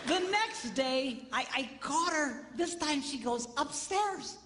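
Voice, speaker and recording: A man in his fifties, a pastor, telling funny marriage stories at a live seminar, jumping his voice high for the punchlines. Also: slow, a crowd in the background. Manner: animated storyteller, voice leaps high on punchlines. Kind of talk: comedic marriage seminar talk. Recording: long reverb of a large hall, faint noise.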